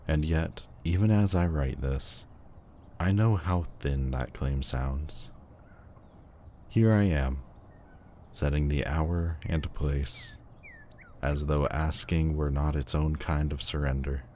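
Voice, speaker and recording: A man playing a lovelorn lord general, voicing a farewell letter in a formal, slow, yearning way in an audio roleplay. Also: extremely low pitch, warm tone, a little hiss or hum. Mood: solemn yearning.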